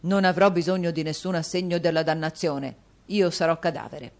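A woman's voice: low-pitched, steady tone, normal speed, darkish tone. A woman voicing a self-pitying, theatrical dandy husband who exclaims and wails. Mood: melodramatic. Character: melodramatic self-pitying husband, dandy middle-aged man.

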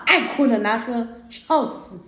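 A woman's voice: on the high side, unhurried, fairly bright tone. Indignant scolding woman, echoey room. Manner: indignant, scolding, repeats herself. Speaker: livestreamer. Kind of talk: heated argument on a livestream. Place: indoor room at night.

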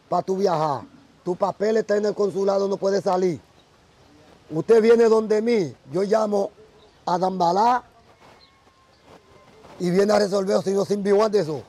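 A man's voice: sits high, a little mellow. A Dominican man, a Vodou priest, telling stories earnestly in a casual outdoor interview. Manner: earnest storytelling. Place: outdoors by a tree.

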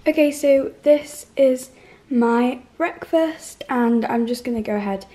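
A teenage girl chatting casually in a vlog, her voice croaky in the morning, with lots of likes and ums. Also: high-pitched, a little slow, dark tone, roomy sound, soft background music. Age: teens. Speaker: vlogger.

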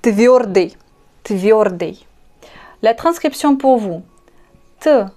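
Russian-accented woman teacher, higher voice, unhurried, spells and repeats words, soft music under her. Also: expressive. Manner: slow and patient, spells out letters and repeats each word. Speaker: language teacher. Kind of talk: online language lesson.

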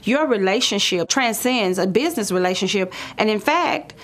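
A woman's voice: medium pitch, animated, moderate pace, a bit bright. A woman, the salon founder's daughter, telling the family story in a thoughtful, emphatic way. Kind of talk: interview.

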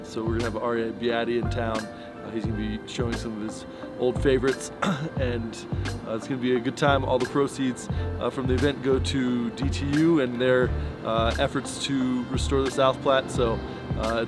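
A man's voice: mid-range voice, flat delivery, moderate pace, few pauses. A man in his thirties talking casually to camera outdoors in the snow, giving a fishing report with many fillers and restarts. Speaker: fly shop owner giving a fishing report. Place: outdoors by pickup trucks in snow. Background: music bed under the talk.

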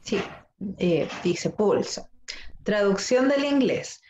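A woman's voice: mid-range voice, expressive, slow pace, darkish tone, lo-fi sound. Woman reading aloud in an echoey room. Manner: stumbling, self-correcting reader. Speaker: student. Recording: echoey room, faint background noise.

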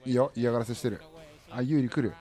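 A man's voice: mid-range voice, steady tone, fast talker, mellow, faint music behind. A man in his thirties giving casual running commentary on a fighting game match, often in short, repeated remarks. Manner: clipped, repetitive short remarks. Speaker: livestream commentator. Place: indoor room, streamer's desk.

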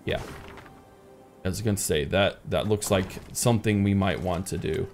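A man's voice: low-pitched, moderate pace, darkish tone, soft background music. A man in his thirties hosting a casual let's play, thinking aloud in an easygoing way. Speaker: gaming channel host. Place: indoor room.

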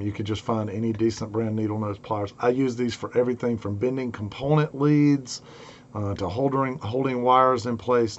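In his home basement workshop, a middle-aged man hosts an electronics build tutorial, talking to the camera in a casual, folksy, instructional way. Two weeks of a cold and sore throat have left his fairly low voice hoarse, raspy, and congested, and the clearly noisy recording has its highs cut off.

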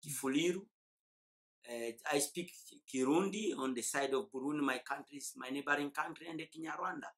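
Speaking fairly quickly in a fairly high, fairly bright voice, an eastern Congolese man in his forties reflects at length during an oral history interview. He's in an indoor room wearing a lapel mic, and his thoughtful answers include hesitant fillers.

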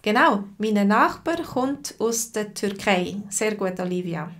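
Swiss woman teacher, mid-pitch, talks very slowly and patiently, webcam at home. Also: expressive, a bit bright. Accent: Swiss German. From Switzerland. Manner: slow, patient, repeats phrases and answers chat viewers by name. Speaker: language teacher. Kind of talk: live-stream language lesson.

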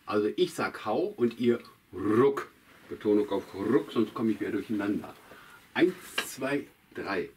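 A man's voice: on the low side, animated, moderate pace, a little hiss or hum, close to an everyday voice. A man voicing Kasper, a cheerful, chatty puppet jester who talks straight to the children in a puppet show. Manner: chatty, addresses children directly, drawn out. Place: outdoors on a town market square. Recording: distant mic, faint guitar music.

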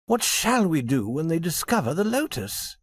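Man as a courteous young gentleman, lively rising delivery, slightly husky, dry sound. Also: on the high side, normal speed, voice pushed up. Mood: earnest.

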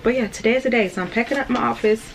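A young adult woman vlogger with a slightly high voice talks very fast and informally to her viewers, narrating a tour of a house under renovation. She's recorded indoors on a nearby camera, with clear background noise and clicks.

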